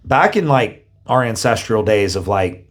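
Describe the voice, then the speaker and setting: A man's voice: fairly low pitch, very animated, a little slow. A man co-hosting a podcast in casual chat, laid-back, swearing casually and rambling through explanations. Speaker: podcast co-host.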